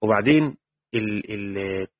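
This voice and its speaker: A man's voice: lowish voice, a little slow, no echo. A man with an Egyptian accent teaching a Quran commentary class, reading the text and then explaining it in colloquial speech with frequent restarts. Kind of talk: reading and explaining a tafsir lesson. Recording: dry, tinny phone-like lo-fi audio.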